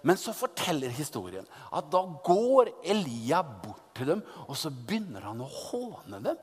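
Norwegian-speaking preacher in echoey hall. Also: male voice, fairly high pitch, husky. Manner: lively, teasing storytelling with repeated restarts. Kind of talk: sermon retelling a Bible story.

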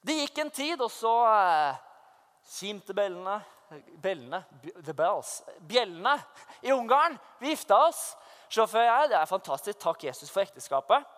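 A young man giving a sermon testimony as a youth leader, fervent, moving from hushed asides to loud proclamations. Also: sits high, sing-song. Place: church hall. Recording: long reverb of a church hall.

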